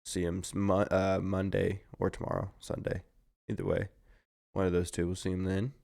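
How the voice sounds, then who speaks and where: A man's voice: low voice, monotone, normal speed, gravelly, darkish tone. A tired young man co-hosting a podcast, chatting casually and rambling, with plenty of swearing. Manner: laid-back, heavy swearing, rambling. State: tired, yawning. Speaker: podcast co-host. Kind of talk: casual chat.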